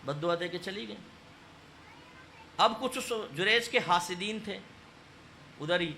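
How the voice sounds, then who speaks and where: Man, preacher, high bright voice, sermon, faint background hiss. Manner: storytelling sermon, swings between loud exhortation and hushed narration. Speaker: Islamic preacher.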